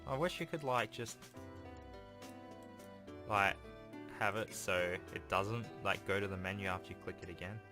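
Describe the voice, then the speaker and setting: A gaming video host with a fairly low-pitched voice reads a visual novel aloud at normal speed, leaving long pauses. He keeps it casual and informal, adding offhand asides between passages, with game music behind his voice.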